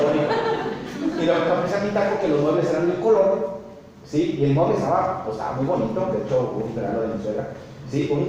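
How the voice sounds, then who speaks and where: A man, a pastor preaching a sermon to his congregation, telling animated stories and asking them questions. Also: fairly high pitch, dull audio. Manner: animated storytelling, asks the congregation often. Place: church hall. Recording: echoey hall, distant mic, faint noise.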